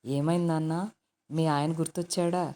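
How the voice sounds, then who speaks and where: A woman's voice: deep voice, flat delivery, normal speed, dark tone, close to an everyday voice. A woman voicing a fond, middle-aged mother who speaks to her grown daughter affectionately and teases her. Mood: teasing. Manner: affectionate, teasing.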